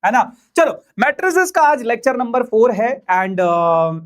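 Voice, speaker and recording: A man's voice: very high voice, sing-song, measured pace. A man teaching a live online class, chatting and joking as he reads viewer messages aloud. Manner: hesitant fillers.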